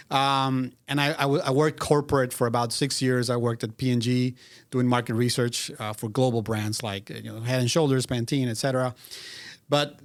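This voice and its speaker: A middle-aged man from Venezuela, a guest business consultant, telling his story in a measured, reflective way with frequent restarts. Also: mid-range voice, no echo. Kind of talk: casual interview.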